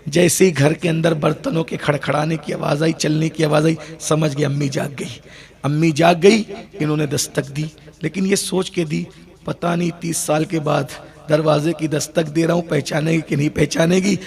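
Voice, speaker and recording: A man from India preaching an Urdu sermon, moving from soft storytelling to loud, emotional shouting. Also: on the high side, little pitch movement, gravelly. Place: large gathering at a religious festival.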